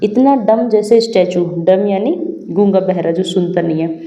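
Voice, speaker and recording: Woman teacher explaining a lesson, patient, self-questioning; very dark, mellow tone in an echoey room. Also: mid-range voice, unhurried, muffled recording. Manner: patient, asks and answers her own questions. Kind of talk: explaining a school English lesson. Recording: roomy echo.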